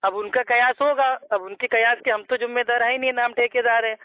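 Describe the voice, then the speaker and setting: Brief: very high-pitched male debater, combative and mocking, tinny phone-line sound. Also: fairly even intonation, a little fast, dry recording. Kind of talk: heated religious debate.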